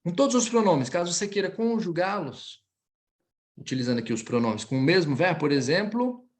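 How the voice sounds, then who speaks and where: A man with a Brazilian accent teaching French, stretching out each model phrase slowly before explaining it quickly. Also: high-pitched, big pitch swings. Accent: Brazilian Portuguese. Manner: slow, drawn-out model pronunciation between quick explanations. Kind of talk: online language lesson.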